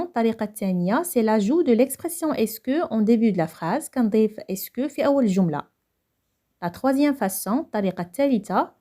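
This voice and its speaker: Moroccan lady teacher going over grammar, fairly high voice, soft mellow tone. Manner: repeats each French point in Moroccan Arabic, quick in Arabic, slow and careful in French. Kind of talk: grammar lesson explaining exercises.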